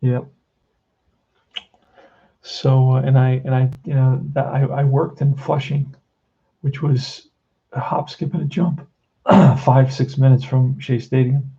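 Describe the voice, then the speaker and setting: Man, 60s, Queens accent, very dark relaxed tone with fry, blunt hobbyist chat, slightly dull recording. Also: medium pitch, slow, pauses often. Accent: Queens, New York. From Queens, New York. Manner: blunt, plain-spoken, addresses listener as "man". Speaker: tabletop baseball hobbyist giving a tutorial. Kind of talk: casual off-the-cuff tutorial chat.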